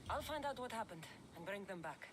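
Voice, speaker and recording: A woman's voice: mid-range voice, lively intonation, a little fast, natural voice. Actress as assertive female adventurer, Greek accent, varied intonation, frank, video game hero, outdoor noise. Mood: determined. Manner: direct, assertive.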